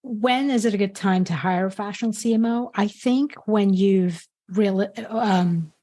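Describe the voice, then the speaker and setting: A woman guest in an interview, giving measured, explanatory business advice. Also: medium pitch, mellow. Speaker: marketing strategist guest. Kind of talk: interview answers.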